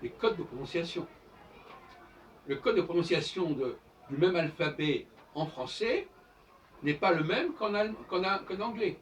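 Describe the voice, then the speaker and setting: Animated man lecturing from a distance. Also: sits high, a little slow. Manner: professorial, explains by spelling out letters. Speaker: host. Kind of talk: informal lecture monologue. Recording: distant mic with faint background noise.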